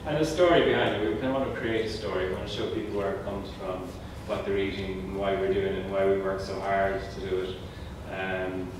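A man's voice: low-pitched, a little fast, hardly any pauses. A man, a chef casually presenting to an audience with lots of fillers and hedging. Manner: relaxed, many fillers and hedges. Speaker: head chef giving a talk. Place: large indoor lecture room. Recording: echoey room, distant mic, background noise.

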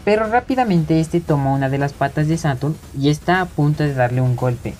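Low-voiced woman recapping a manga chapter. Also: animated, brisk, slight background noise. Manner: conversational, addressing viewers directly. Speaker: anime and manga youtuber. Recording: soft background music.

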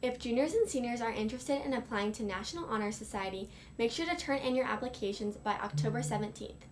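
A woman's voice: a little high, fast talker, slight background noise. A teenage girl reading school announcements as a student news anchor in a studio. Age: teens. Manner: bright, energetic announcer.

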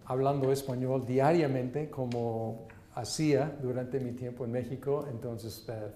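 A man teaching a seminary class, speaking in a measured way with many fillers. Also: mid-range voice, warm tone, roomy sound, a little hiss or hum. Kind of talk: leading a class and prayer.

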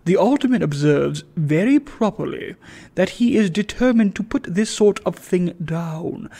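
A man reading aloud and voicing a pompous, self-righteous wealthy old gentleman who speaks with solemn majesty. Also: high-pitched, lively intonation, unhurried, gravelly, voice pushed up, full character voice. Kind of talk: audiobook reading.

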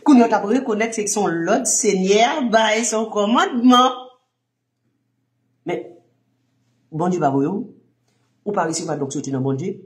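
Emphatic Haitian preacher in an echoey room. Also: male voice, lively intonation, a little slow, long pauses. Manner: emphatic, full of rhetorical questions, shifts from low murmurs to shouts. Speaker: minister and Bible teacher. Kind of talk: impassioned sermon teaching.

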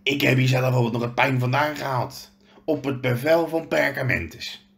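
In a mid-range voice at normal speed, close to how he'd ordinarily talk, a man voices a big, gruff but kind male half-giant from a storybook. The character tells his tale hesitantly and earnestly.

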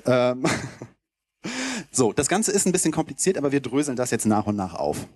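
Speaking at normal speed with lots of animation, this conference keynote speaker has a medium-pitched, darkish voice with a breathy edge. He rambles casually and loosely through an informal slide talk on a lecture hall stage before an audience. The close-held handheld mic gives a dry sound with no echo.

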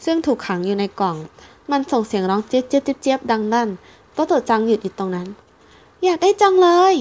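Woman narrator, storybook reading, somewhat high voice, steady and careful. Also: quick pace.

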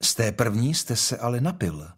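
A calm young investigator questions a king with quiet persistence, voiced by a male audiobook reader. His delivery is measured and unhurried, with a slightly husky tone. He never raises his voice. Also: mid-range voice.

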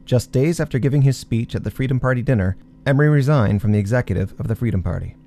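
A man narrating a documentary in a measured, formal script. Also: mid-range voice, mellow.

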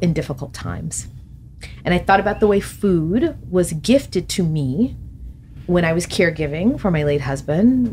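A little hiss or hum runs under this studio interview, where a middle-aged author guesting on a podcast speaks in a low voice through a boom-arm mic. She comes across as thoughtful, moving her hands animatedly and laughing a lot.

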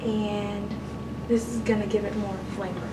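A woman's voice: mid-range voice, steady tone, measured pace. A young woman chatting casually through a step-by-step cooking demonstration in a large teaching kitchen, heard from across the room. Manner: chatty, step-by-step instructions while working. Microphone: camera mic from across the room. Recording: echoey room, far from the mic, background noise.

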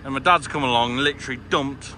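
A man's voice: mid-range voice, fast, bright, forceful tone, a little hiss or hum. A man in his thirties, a farmer vlogging from his yard and workshop, talking chattily and jokily into a phone held at arm's length. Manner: chatty, jokey, matter-of-fact storytelling. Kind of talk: casual vlog chat. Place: outdoors in a farm yard and indoors in a workshop. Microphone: handheld phone at arm's length.

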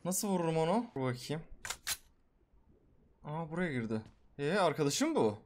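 Man, gaming commentary, excitable, swears, talks to viewers, faint gunfire behind. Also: a little high, normal speed, slight background noise. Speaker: gaming YouTuber. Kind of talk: live gameplay commentary.

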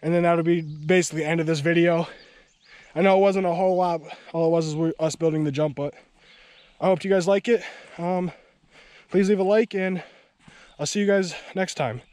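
A man's voice: on the high side, steady tone, a little fast, long pauses, darkish tone, no echo. A young man casually vlogging outdoors at a dirt bike jump, chatty and upbeat, out of breath. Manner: laid-back, chatty, upbeat.

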